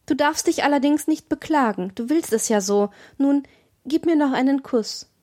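A woman's voice: sits high, normal speed, darkish tone, voice pushed up, close to an everyday voice. A woman reading an audiobook, voicing a haughty, capricious young noblewoman who swings between tender and cruel. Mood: coaxing. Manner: imperious, alternating tender and cruel.

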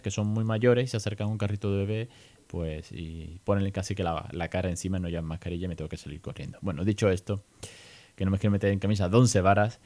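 A man with a Spain accent hosting a podcast, talking in a lively, chatty way and mixing in English phrases. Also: fairly low pitch. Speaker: podcast host. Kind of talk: casual podcast monologue.

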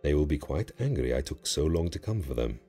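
A man playing a deep, mocking ancient jinn. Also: very animated, warm tone, husky, faint music behind, exaggerated voice. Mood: teasing. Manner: theatrical, teasing, drawn-out pronouncements. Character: ancient male jinn, grand, mocking and cryptic. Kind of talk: audio drama acting.

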